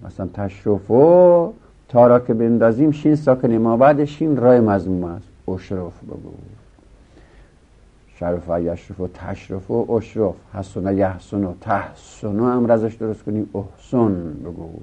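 A man with a lowish, dark, husky voice teaches Arabic grammar in a classroom lecture. He goes through each rule step by step and answers his own questions. The recording is dull and lo-fi.

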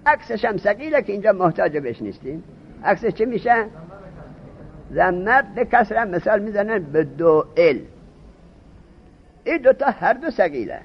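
Lively-pitched man lecturing a class. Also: pauses often, a little hiss or hum. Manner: asks students questions and repeats key terms. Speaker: teacher of Arabic morphology. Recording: dull, husky lo-fi recording.

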